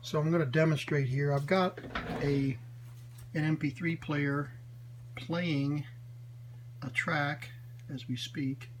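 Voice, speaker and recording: A man giving an unscripted hands-on demonstration in a small workshop, in a halting, deliberate manner. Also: on the high side. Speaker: demonstrator of a vintage wire recorder. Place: small cluttered indoor workshop. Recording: noisy, with steady electrical hum.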